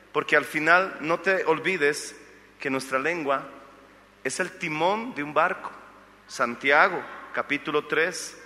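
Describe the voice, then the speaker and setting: A man's voice: a little high, bright, forceful tone, big-room sound. A man preaching as a pastor, telling a Bible story and acting out its figures' lines, with jokes for the congregation. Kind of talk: sermon.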